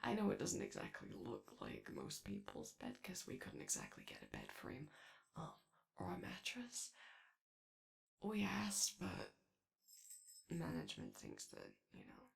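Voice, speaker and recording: A woman voicing an excitable, gentle animatronic sun attendant who rambles hesitantly and chattily in an ASMR comfort roleplay. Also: a bass voice, a little slow, vocal fry, full character voice. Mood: soft, wistful. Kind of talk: ASMR character roleplay, improvised-sounding comfort monologue.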